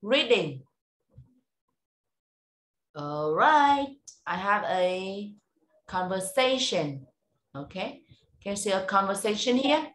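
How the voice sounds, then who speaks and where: A woman teaching English over a video call, giving a speaking test and prompting slowly and clearly with encouragement. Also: medium pitch, sing-song, fairly bright tone. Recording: roomy echo.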